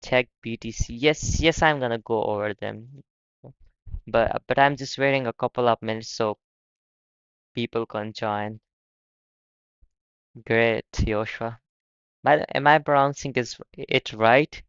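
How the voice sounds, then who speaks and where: Halting young man from Pakistan streaming. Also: medium pitch, fairly bright tone, clean tone, no room sound, dull audio. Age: young adult. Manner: halting, repeats words often. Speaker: livestream host. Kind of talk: casual live stream chat.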